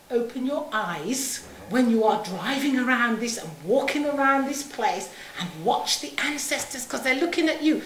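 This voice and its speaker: A woman's voice: sits high, slight background noise. A middle-aged woman from Saint Kitts who moved to England as a child, giving an impassioned public talk in an emphatic, rhetorical manner with repetition and pointed questions. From Saint Kitts in the Caribbean, moved to England aged seven. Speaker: public speaker. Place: indoor room, speaking to an audience. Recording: roomy, echoing live talk.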